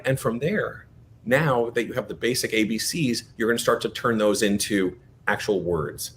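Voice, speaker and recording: A man teaching a breathing exercise, giving gentle step-by-step guided instructions in a coaxing manner. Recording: noisy background with low rumble.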